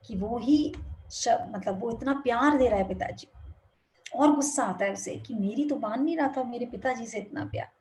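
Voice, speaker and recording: A woman giving a spiritual talk over a video call, narrating a moral story gently and expressively. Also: high-pitched. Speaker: spiritual speaker.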